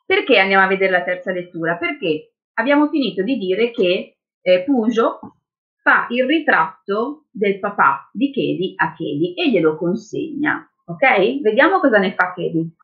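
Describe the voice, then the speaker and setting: A woman hosting a casual book reading chat, playful and animated, with hesitant fillers. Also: mid-range voice, normal speed. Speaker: book reader and reviewer. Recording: tinny phone-like line.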